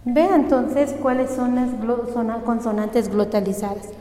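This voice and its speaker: A woman's voice: on the high side, unhurried, warm tone. A woman teaching a language lesson, carefully sounding out letters and their sounds one at a time. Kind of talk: slow spoken lesson. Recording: echoey room with long reverb and faint music.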